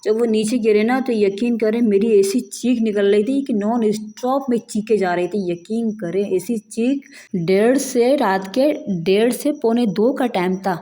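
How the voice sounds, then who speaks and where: A woman's voice: fairly high pitch, unhurried, mellow. A woman in her thirties from Pakistan, telling a personal story in an earnest home vlog, filming on a handheld phone indoors and often stressing "believe me". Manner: earnest, emphatic retelling, often repeating "believe me". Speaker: vlogger, mother.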